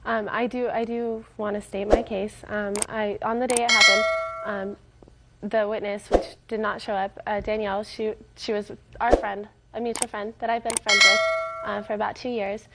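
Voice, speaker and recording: A woman's voice: medium pitch, flat delivery, normal speed, vocal fry. A young adult woman testifying as a defendant in court, nervous and rambling with many ums and restarts. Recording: noisy TV courtroom audio.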